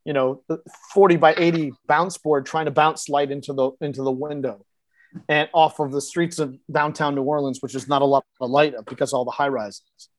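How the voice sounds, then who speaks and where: A slightly high male voice with fairly even intonation, speaking at a normal speed on a dry recording. He's an actor guesting on a podcast, telling a vivid behind-the-scenes story in a casual, blunt way and now and then swearing. He acts out the dialogue he quotes, shifting voices for each line.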